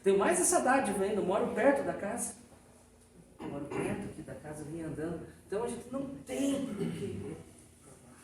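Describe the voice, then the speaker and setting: In a Spiritist society hall, a man with a Brazilian Portuguese accent gives a storytelling lecture, his high voice brisk as he tells stories in a lively, folksy manner and often tags sentences with a question. The hall is echoey, the mic distant, and there's faint noise.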